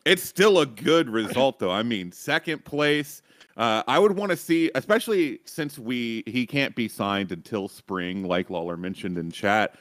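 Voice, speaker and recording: A man's voice: medium pitch, lively intonation, measured pace, fairly bright tone, dry recording. Hedging man talking esports. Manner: hedging, thinks aloud with many "I mean"s. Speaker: esports panel analyst. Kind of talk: casual panel discussion.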